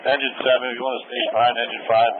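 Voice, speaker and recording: A man's voice: mid-range voice, level tone, rapid-fire. A man serving as a fire crew officer, giving terse field reports over a two-way radio transmission. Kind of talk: radio fireground traffic. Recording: noisy, tinny radio line.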